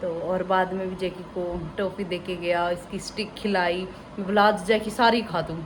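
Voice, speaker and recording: A woman's voice: lowish voice, little pitch movement, moderate pace. A young woman with a Haryanvi accent, chatting emotionally in a casual family vlog, telling stories with teasing asides. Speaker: family vlogger. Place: home kitchen. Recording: noisy home phone recording.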